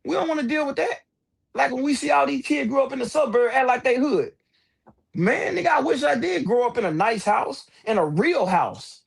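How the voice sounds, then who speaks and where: Man, high-pitched voice, livestream headset audio, slangy casual talk, fired-up. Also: lively intonation, moderate pace, creaky, husky. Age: adult with several children. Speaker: livestream host.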